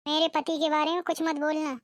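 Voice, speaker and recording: A woman's voice: high-pitched, level tone, a little fast, no room sound, clean studio sound, close to an everyday voice. A woman voicing a rude, defiant young daughter-in-law in a cartoon, talking back with arrogance. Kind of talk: cartoon voice acting.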